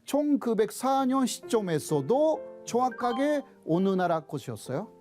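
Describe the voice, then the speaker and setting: Guy w a japanese accent teaching history, high voice, kinda mellow, asks questions then answers them. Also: big pitch swings, a little slow, soft background music. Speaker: professor giving a lecture. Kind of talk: explanatory history lecture.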